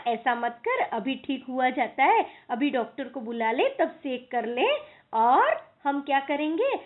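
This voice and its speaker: A woman's voice: sits high, very animated, unhurried. A woman voicing a worried mother who fusses over her sick little son with anxious questions. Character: worried fussing mother of a small boy. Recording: tinny phone-like recording.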